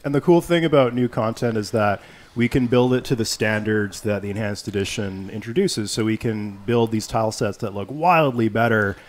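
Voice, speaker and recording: A man's voice: lowish voice, moderate pace. Playful, joking man on a livestream. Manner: playful and joking, reading chat questions. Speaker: studio director co-hosting a livestream. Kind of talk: casual livestream chat.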